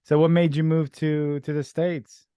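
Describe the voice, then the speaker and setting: A man's voice: a little high, flat delivery, measured pace, warm tone, smooth, dry recording, highs cut off. Podcast host, male, Russian native speaker, rambling chatty delivery, dry close sound. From Ukraine. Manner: rambling, many fillers and restarts. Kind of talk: casual interview.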